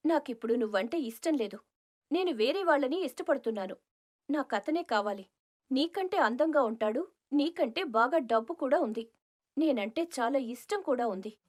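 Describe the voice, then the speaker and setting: A woman voicing a proud young village woman in an animated story, haughty and dismissive. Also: sits high, moderate pace. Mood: cold. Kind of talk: storybook cartoon voice acting.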